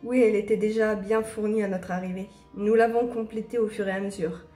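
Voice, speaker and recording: A woman's voice: mid-range voice, fairly even intonation, mellow, echoey room, faint music behind, natural voice. Vladimir, a woman reading a formal vampire. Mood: calm. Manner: polite, measured, formal. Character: courteous, formal male vampire of a manor. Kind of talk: reading game dialogue aloud.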